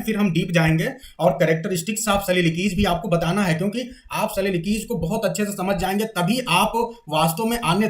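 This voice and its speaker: In a classroom lecture on literature, a high-voiced male teacher often makes sure his students are keeping up. He reads out definitions at a slow pace for them to copy.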